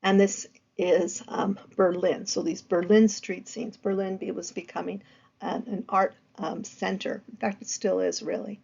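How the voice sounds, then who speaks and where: A woman teaching an art history lecture in a conversational way, often pausing with ums and uhs and restarting her sentences. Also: mid-range voice, steady tone, gravelly, a little mellow, slightly rough, lo-fi sound.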